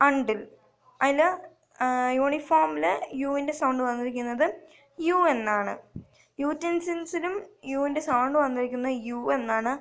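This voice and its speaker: Young woman, fairly high voice, phonics teacher, slow and repetitive, answers her own questions. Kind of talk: phonics lesson for children.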